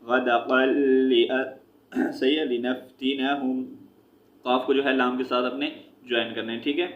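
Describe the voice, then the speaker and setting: Slow, even-toned man teaching recitation. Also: mid-range voice. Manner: spells out letters and vowel marks syllable by syllable, then blends them; explains rules quickly, ending with a repeated check-in. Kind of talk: slow spelling-out recitation lesson. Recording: echoey room, dull lo-fi sound.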